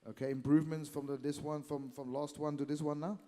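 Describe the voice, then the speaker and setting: A middle-aged man hosts a live cooking demo in a convention hall, casual, chatty and teasing, with hall reverb around him. His mellow voice is a little high with little pitch movement, and he talks quickly.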